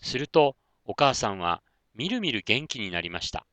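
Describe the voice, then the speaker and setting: A man narrating a children's story in a gentle, expressive manner. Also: mid-range voice, normal speed, no echo.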